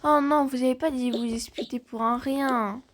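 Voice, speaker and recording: Woman doing all the voices in a fan drama, kinda high voice, slow, little bit of hiss. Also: fairly even intonation. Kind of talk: home-made fan drama voicing several family characters.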